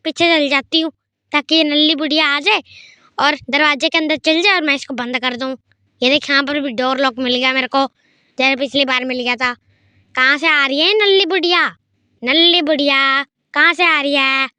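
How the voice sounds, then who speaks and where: A woman commentating a horror game in character, chatty and excitable as she talks through each move. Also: sits high, moderate pace, dry recording. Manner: chatty, excitable, talks to herself while playing. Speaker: gameplay commentator. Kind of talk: playful gameplay commentary in character.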